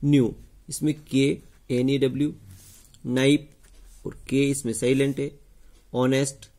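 A male teacher with a medium-pitched, dark voice speaks slowly and with little pitch movement as he goes over test answers. He often poses a question to the class and answers it himself, repeating key points as questions.

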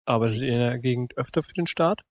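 A man's voice: medium pitch, fast talker, no echo. Terse male player, muffled sound. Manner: terse, pointed questions. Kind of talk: tabletop role-play, interrogating in character.

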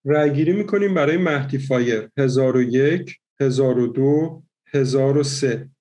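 A man hosting an online party game, counting out votes slowly and methodically. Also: medium pitch, mellow. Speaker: game host.

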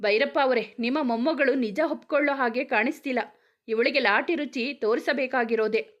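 A woman's voice: high-pitched, brisk, muffled recording, close to an everyday voice. A woman voicing a tough male police officer who interrogates suspects in a commanding, threatening way. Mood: stern.

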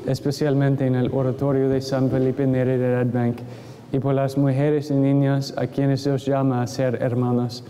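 A man speaking as a priest, solemnly and in measured phrases reciting prayers at Mass in a cathedral echo. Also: mid-range voice, mellow, a little hiss or hum. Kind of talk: liturgical recitation of creed and prayers. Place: large church, standing at the altar. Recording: echoey church with long reverb, congregation sounds. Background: congregation.

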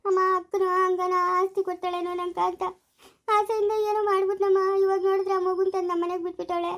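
Woman acting as a grown daughter, pleading and complaining, rural Chikkaballapur Kannada accent, very high voice, quick, amateur family skit. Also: flat delivery. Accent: rural Kannada of the Chikkaballapur area. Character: troubled grown daughter pleading with her mother.

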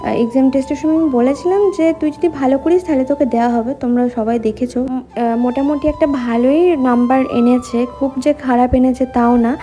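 Brief: high-pitched woman, casual home vlogger, talks to viewers, soft music underneath. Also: steady tone, brisk. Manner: chatty, addresses viewers directly. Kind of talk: casual home vlog chat. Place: at home, indoors.

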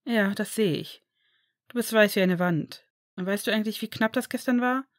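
A woman voices a young male healer who is scolding someone. Her voice is mid-range and close to an everyday voice, at a moderate pace, and the recording is dry with clean studio sound.

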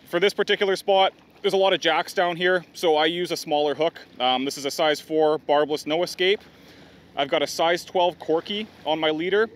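A man's voice: on the high side, a bit bright. A middle-aged man, giving a practical outdoor how-to on a riverbank, with plain explaining and some fillers. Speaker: fishing guide demonstrating gear.

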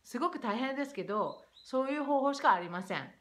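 A young woman chats casually to the camera about English pronunciation, lively and switching between English and Japanese. Her voice is high-pitched and her pace quick.

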